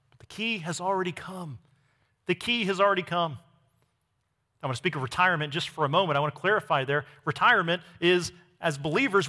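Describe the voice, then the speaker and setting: Bright-voiced male preacher in a hall. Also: high-pitched. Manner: emphatic preaching, swings from loud to hushed. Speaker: pastor. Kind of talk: sermon.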